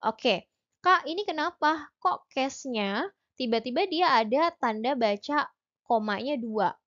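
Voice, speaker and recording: A woman's voice: on the high side, muffled recording. A young woman tutor giving an exam-prep lesson, explaining each point step by step in a chatty way with many fillers.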